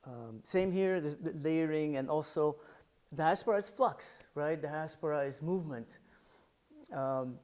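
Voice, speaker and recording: He's a middle-aged man from the US talking about his photographs at a library art center, his slightly mellow, higher-pitched voice moving at a measured pace. Thoughtful and searching for the right words, he frequently restarts sentences and leans on fillers.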